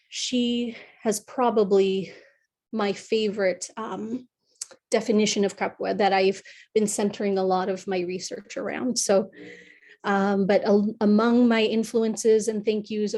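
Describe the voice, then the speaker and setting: A young woman from California, a psychotherapist presenting an online workshop in an earnest, warm way, with many fillers and restarts. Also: mid-range voice. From California, USA. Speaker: psychotherapist leading a wellness workshop. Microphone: video call.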